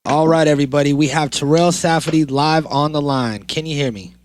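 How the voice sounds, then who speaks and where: A man co-hosting a podcast chats casually in a rambling, offhand way. His voice is fairly high-pitched and brisk.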